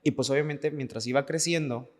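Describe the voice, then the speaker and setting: Speaking a little fast in a medium pitch, a podcast guest who dances for a living shares personal thoughts with real earnestness. He's from Veracruz, Mexico, roughly thirty years old, leans on repeated words for emphasis, and sounds as if he's in an echoing hall.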